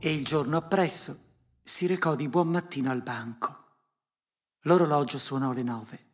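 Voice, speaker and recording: A narrator reading a classic story aloud in an unhurried, measured way. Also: medium pitch. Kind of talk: audiobook storytelling. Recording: glockenspiel music behind.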